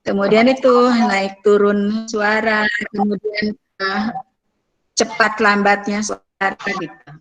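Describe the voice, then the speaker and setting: A woman's voice: medium pitch, level tone, a little hiss or hum, poor audio. Thoughtful female lecturer giving feedback. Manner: thoughtful, many fillers and pauses. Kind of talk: spoken feedback in a counseling class.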